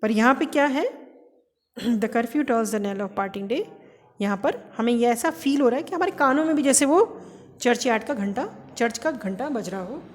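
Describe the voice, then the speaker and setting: Speaking at a moderate pace with lively intonation, this high-voiced woman lecturer explains things to her class in a blend of Hindi and English with an Indian English accent. She breaks ideas down step by step and answers her own questions, and the audio has a big-room sound.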